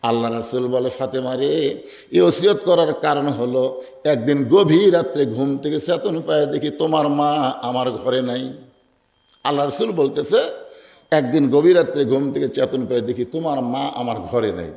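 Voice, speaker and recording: A male preacher with a Bangladeshi Bengali accent delivering an emotional sermon, telling a story and swinging between loud cries and hushed quoted lines. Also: medium pitch, normal speed, vocal fry, reverberant.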